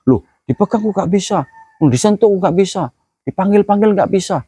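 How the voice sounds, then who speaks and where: A man voicing the soul of a dead man, confused and desperate, pleading in a shrill, frantic voice. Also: expressive, brisk, warm tone, slightly rough, no echo, studio quality. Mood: panicked.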